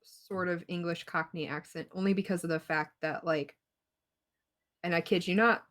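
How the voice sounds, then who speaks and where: A woman's voice: on the low side, fairly even intonation, normal speed, a bit bright. A woman player chatting casually and rambling, with lots of fillers. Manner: rambling, lots of "like", laughs often. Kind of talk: casual chat.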